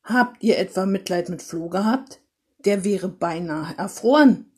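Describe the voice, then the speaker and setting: A woman's voice: mid-range voice, lively intonation, unhurried, creaky, warm tone, slightly rough, exaggerated voice. A woman voicing a stern but kind old Santa Claus in a read-aloud story, speaking firmly and scolding. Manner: firm, scolding.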